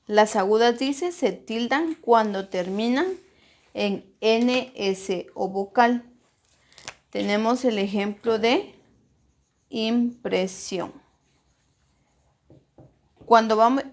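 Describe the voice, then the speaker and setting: A woman teaching a primary school grammar lesson, slowly and deliberately, stressing syllables as she models words. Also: medium pitch, darkish tone.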